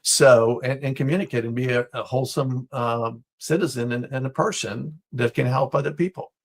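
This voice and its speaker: A man from Israel, a business guest answering interview questions in a thoughtful, measured way with many fillers. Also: mid-range voice.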